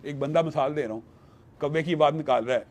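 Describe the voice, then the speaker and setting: A man's voice: fairly high pitch, darkish tone. Earnest male scholar arguing a point. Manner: earnest, argumentative, quotes scripture. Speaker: religious scholar. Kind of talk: panel discussion.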